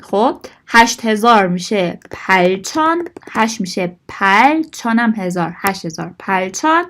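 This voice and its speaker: A woman's voice: mid-range voice, lively intonation, a bit bright. A woman teaching a Korean language lesson, explaining patiently and mixing Korean phrases into her explanations. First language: Persian.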